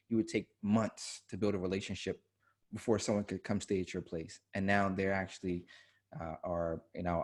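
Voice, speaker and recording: A man's voice: on the low side, darkish tone. A man from the United States, a guest author speaking in a webinar conversation, who stresses and repeats his key points. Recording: video call audio.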